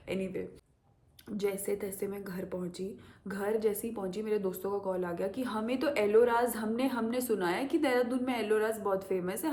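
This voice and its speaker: A young woman telling a story casually to camera as a vlogger, acting out the voices of the people in it. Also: medium pitch. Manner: animated, acts out quoted voices.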